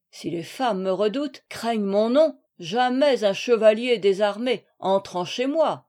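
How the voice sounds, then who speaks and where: A woman's voice: medium pitch, darkish tone, natural voice. A woman voicing a bold, jovial male knight who teases his guest with mock gallantry, in an audiobook reading.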